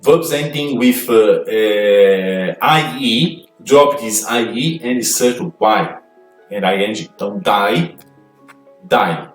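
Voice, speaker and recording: A man's voice: lowish voice, animated, slow pace, far from the mic. A man teaching an English grammar lesson, reading rules aloud and explaining them step by step. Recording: echoey room, voice off-mic, faint music.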